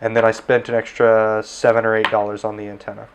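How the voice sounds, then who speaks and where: Reviewing a handheld radio casually at his desk, a tech reviewer and ham operator uses many filler words. He speaks fast in a lowish monotone, with background noise in the recording.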